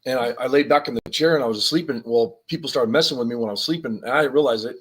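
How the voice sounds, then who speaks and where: A man with a husky, slightly breathy voice co-hosts a live podcast in a loose, conversational way. He rambles through stories full of slang and laughter. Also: medium pitch, racing. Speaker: podcast co-host. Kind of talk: casual live-stream chat.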